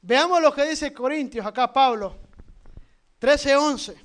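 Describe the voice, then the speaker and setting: A Salvadoran man preaching in a strikingly high voice. He fires questions at the congregation one after another, swinging from soft asides to loud emphasis. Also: slow. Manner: lively, shifts between loud and soft. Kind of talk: sermon.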